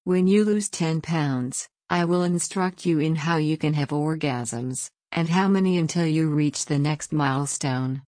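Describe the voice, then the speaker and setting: A woman's voice: deep voice, a little slow, hardly any pauses, darkish tone, dry recording, studio quality. A woman giving scripted instructions straight to the listener in a strict, commanding, condescending manner. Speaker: dominant trainer in audio recording. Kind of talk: scripted direct-address narration.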